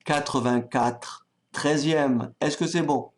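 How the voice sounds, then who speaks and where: A man teaching a maths lesson, calm and patient, thinking aloud as he writes and often checking that his students follow. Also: fairly high pitch, takes it slowly, slight background noise. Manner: talks directly to students, checks they follow. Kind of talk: online exam-prep lesson.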